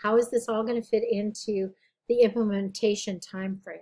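A woman's voice: medium pitch, fairly even intonation, moderate pace, warm tone. A woman with a scratchy, tired voice teaching a recorded lecture, talking conversationally, correcting herself and asking rhetorical questions. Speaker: college instructor.

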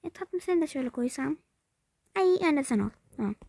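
A woman's voice: sits high, lively intonation, fairly quick, creaky, mellow, no echo, studio quality. A woman narrating her mobile game play in a casual, chatty way, thinking aloud as she goes, calling her viewers by pet names and often dropping to a whisper. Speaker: game vlogger.

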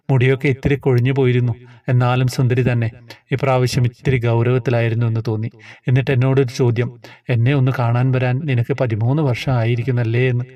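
A man calmly and earnestly reading out a devotional personal story. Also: medium pitch, dry recording, muffled recording. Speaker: narrator reading a submitted story.

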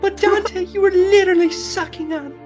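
A woman's voice: extremely high pitch, steady tone, moderate pace, a little mellow, faint music behind. A woman voicing a whiny, pleading cartoon girl in an amateur comedic meme dub.

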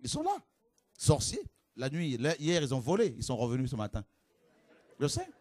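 A man preaching a fiery sermon to a congregation, with shouted exclamations and rhetorical questions. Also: mid-range voice, sing-song, normal speed, no echo.

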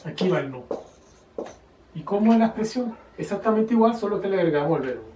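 A man gives a relaxed video lesson, working through each step slowly and spelling out example phrases with care. His voice sits a little high and carries some distance from the mic, in a roomy space that echoes with faint noise behind him. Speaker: Chinese teacher. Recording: echoey room, voice a bit far from the mic.

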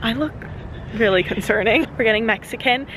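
A young woman in her twenties chatting casually while vlogging on a phone, bubbly and quick to laugh. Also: a little high. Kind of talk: casual vlog chat. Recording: noisy phone vlog audio.

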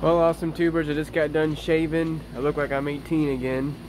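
Casting note: upbeat twenty-something man vlogging on his phone, rambly and filler-heavy, with clear background noise. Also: on the high side, little pitch movement, fairly quick. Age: 20s. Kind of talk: casual vlog chat. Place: outdoors beside a house, and a kitchen. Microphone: handheld phone camera at arm's length. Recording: noisy outdoor phone recording.

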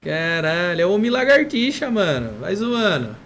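Young male game streamer, high-pitched, hugely animated, exclamatory and sweary. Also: normal speed. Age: young adult. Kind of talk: casual reactions during online gaming. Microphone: headset at a desk.

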